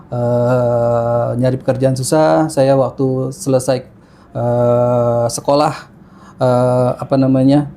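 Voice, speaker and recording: A man in his thirties talks through his life story as a podcast guest, stopping often on fillers and restarting his sentences. His voice is mellow and warm. A faint hiss sits under the recording. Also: medium pitch, little pitch movement, takes it slowly. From Jakarta, Indonesia. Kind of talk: casual interview chat. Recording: faint background noise.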